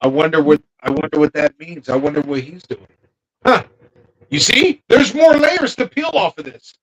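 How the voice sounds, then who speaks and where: High-voiced man chatting about wrestling. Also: expressive, normal speed, a bit bright, rough recording. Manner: thinking aloud, trailing off and restarting. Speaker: podcast co-host. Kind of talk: casual wrestling chat.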